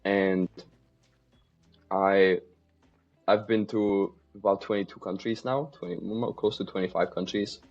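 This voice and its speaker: A man's voice: fairly low pitch, fairly even intonation, measured pace, pauses often, a little mellow, soft background music. A man, chatting easily as a podcast guest and laughing readily. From Czech Republic. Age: 20s. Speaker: podcast guest, mindset coach. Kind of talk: casual interview chat. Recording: slightly dull lo-fi sound.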